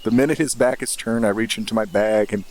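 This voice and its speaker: A man's voice: on the low side, brisk, a little hiss or hum. A man playing his tabletop character, speaking in a formal, courteous way. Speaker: player. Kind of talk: in-character tabletop role-play.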